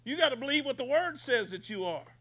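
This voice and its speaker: A man preaching a booming motivational sermon as a pastor, emphatic, folksy and repetitive in his exhortation. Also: very animated, fast talker, vocal fry. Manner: emphatic, repetitive exhortation, swinging from hushed to shouted.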